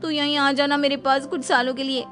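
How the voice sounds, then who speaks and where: A woman's voice: high voice, lively intonation, measured pace, fairly bright tone, soft background music, pitched above the performer's own voice. A woman voicing a talkative, cheerful young bride in an audio story. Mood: gushing. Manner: talkative, bubbly, shrieks and laughs. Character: chatty cheerful young bride, loud and lively.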